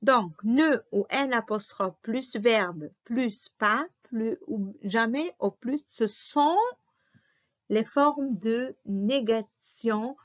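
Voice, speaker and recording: A woman's voice: fairly high pitch, extremely slow. A woman teaching a grammar review lesson, patiently repeating and spelling out each example. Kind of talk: slow classroom grammar review. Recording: dull lo-fi recording.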